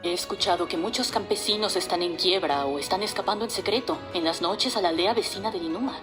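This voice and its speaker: A woman's voice: fairly low pitch, fast talker, over music, lightly acted. An actress voicing a worried middle-aged village mother talking about unpaid taxes in an anime dub. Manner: worried, explaining hardships.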